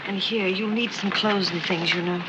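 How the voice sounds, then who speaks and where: A woman's voice: mid-range voice, steady tone, normal speed, muffled recording, natural voice. An actress playing an eager, flighty young society woman with guileless screwball comedy banter in a 1930s film. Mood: eager, dreamy. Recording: very noisy 1930s film soundtrack.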